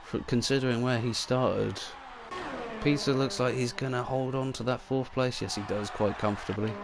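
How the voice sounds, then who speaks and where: A man commentating a sim racing league with excitable, exclamatory calls. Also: medium pitch, moderate pace, gravelly. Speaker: race commentator.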